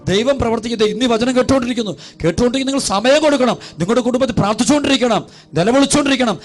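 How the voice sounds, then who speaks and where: Fast high-voiced preaching priest. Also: male voice. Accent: Kerala Malayalam. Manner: repetitive, pleading cadence, drops low and soft for prayers; addresses listeners as children. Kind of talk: devotional sermon with prayer.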